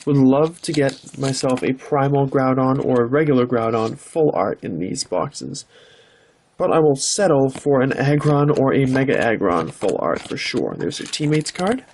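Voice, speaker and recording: A man hosting his channel, chatting casually off camera while opening trading card packs and breaking into excited exclamations. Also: medium pitch, slight background noise. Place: indoors, filming from behind the camera.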